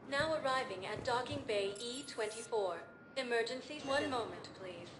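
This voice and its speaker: Calm ship computer: polite female elevator announcer, measured and even, slightly high, echoey with game music. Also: background noise. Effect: automated announcement system. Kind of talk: video game dialogue.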